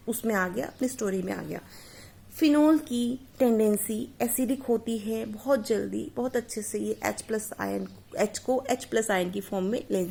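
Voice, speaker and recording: A woman's voice: fairly high pitch, creaky, a little mellow. A woman teaching a chemistry lesson, explaining each step and often addressing her students directly. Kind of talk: classroom lecture.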